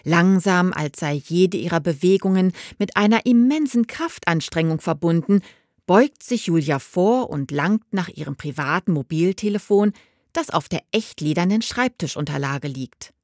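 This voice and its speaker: A woman reads a novel aloud in a measured, expressive storytelling manner. Her voice is fairly low but moves widely in pitch. The sound is close and dry with no room echo. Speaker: audiobook narrator. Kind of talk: scripted narration.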